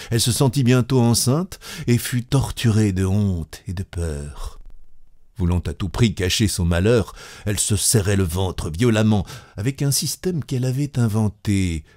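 A man narrates a literary tale in a low voice. He reads slowly, with a grave and measured delivery. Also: dark tone. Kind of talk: literary audiobook reading.

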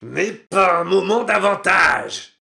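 Guy doing a cruel murderous husband, gravelly rasp, bright cutting edge, slow and threatening. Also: sits high, very animated, pitched above the performer's own voice, full character voice. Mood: cold menace. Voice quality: gravelly, raspy. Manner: menacing, bellowing threats. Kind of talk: storybook reading.

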